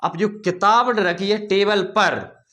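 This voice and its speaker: A man explaining grammar in a lesson, asking questions and answering them himself, with informal, drawn-out explanations. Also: high voice, sharp tone. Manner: repeats key points as questions and answers them. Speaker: teacher.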